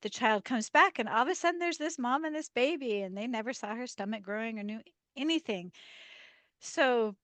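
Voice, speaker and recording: A woman talking as a guest in a casual interview over a video call. She tells stories with lively energy, laughs often and acts out the lines of the people she quotes. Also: a little high, moderate pace, no room sound.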